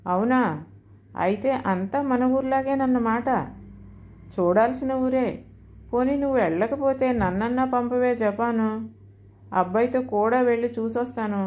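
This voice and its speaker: A fussy, naive elderly mother-in-law from a storybook, chiding and then begging in a fairly high voice, as a woman narrator puts her on. She scolds easily and muddles things up, yet keeps pressing her case. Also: measured pace, long pauses, a little mellow, lightly acted. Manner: chiding, pleading, easily confused. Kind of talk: storybook dialogue.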